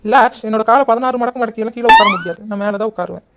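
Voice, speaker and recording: A woman's voice: fairly high pitch, wildly swooping pitch, loud music behind the voice. Periya Ponnu, a brash village girl. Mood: cheeky. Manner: brash, cheeky, rapid-fire. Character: cheeky, bossy young village woman. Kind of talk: cartoon voice acting.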